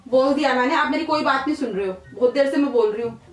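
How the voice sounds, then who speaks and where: A woman with a high voice speaks quickly as she scolds her husband in a heated argument, repeating the same short question. She's a prank video creator filming in a bedroom at home, recorded far from the mic in an echoey room with music behind.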